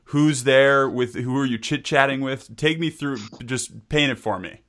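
A man's voice: medium pitch, a little slow, fairly bright tone. A man hosting an interview, asking playful, wordy questions. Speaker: podcast host.

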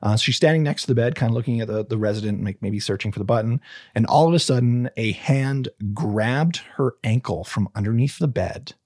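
Husky man telling a crime story. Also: medium pitch, fairly quick, darkish tone, no echo, clean studio sound. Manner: reads from notes, stumbles and restarts, adds casual asides. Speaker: podcast host telling a true crime case. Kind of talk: casual true crime storytelling.

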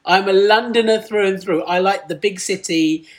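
A high-pitched man in his forties from Kent, England, whose first language is Punjabi, speaks at a moderate pace. He's a guest in a casual interview chat, laughing often and telling stories in a lively, chatty way.

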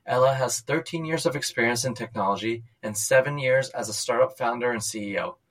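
A man's voice: medium pitch, a little fast, fairly bright tone, poor audio. A man hosting a podcast, reading a prepared introduction and then asking questions in a casual, upbeat way. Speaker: podcast host. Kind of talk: scripted intro and casual interview.

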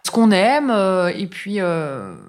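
A woman's voice: mid-range voice, big pitch swings, takes it slowly. A middle-aged woman telling a personal anecdote in a casual, chatty way, full of fillers and acted-out bits of dialogue. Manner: chatty, many fillers, acts out quoted dialogue. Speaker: storyteller recounting a personal anecdote.

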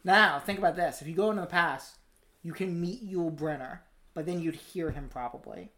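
A woman's voice: fairly low pitch, normal speed, a bit bright. A woman co-hosting a casual podcast, trading dry, jokey banter. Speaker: podcast co-host.

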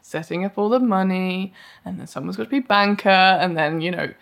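A woman's voice: on the low side, normal speed, gravelly, a bit bright. Chatty woman, rambling asides. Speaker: podcast co-host. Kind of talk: casual chat. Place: live event venue.

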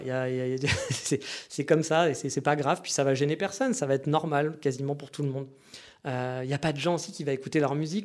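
Guy rambling casually to his listeners, voice a bit on the high side, lots of little asides. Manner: chatty, meandering, with asides to the audience. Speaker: podcast host.

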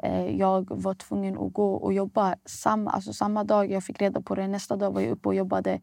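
A woman's voice: medium pitch, fairly even intonation, vocal fry, darkish tone, dry recording, clean studio sound. A young woman, a guest recounting a painful personal story and acting out the dialogue. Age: young adult. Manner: retells events acting out quoted dialogue, many fillers. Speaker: guest poet.

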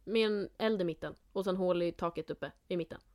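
A woman's voice: lowish voice, darkish tone. A young woman co-hosting a podcast, chatting casually and laughing often. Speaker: podcast co-host. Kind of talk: casual chat.

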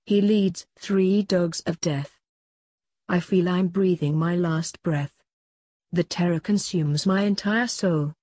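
A woman playing a frightened actress who faces death, in a solemn, measured dramatic verse reading. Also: fairly low pitch, warm tone, no room sound, clean studio sound. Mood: fearful, mournful. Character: Vivienne, frightened actress facing her death.

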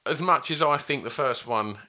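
A man's voice: mid-range voice, moderate pace, sharp tone. A British man in casual, colloquial, matey conversation on a podcast panel. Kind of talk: casual chat.

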